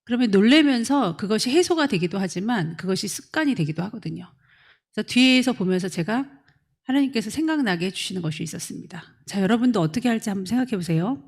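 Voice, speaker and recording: A woman's voice: mid-range voice, fast, husky. A middle-aged woman pastor preaching to young adults, acting out quotes and calling on listeners by name. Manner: animated, acts out quotes, questions listeners by name. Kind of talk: lively sermon to a young adult congregation.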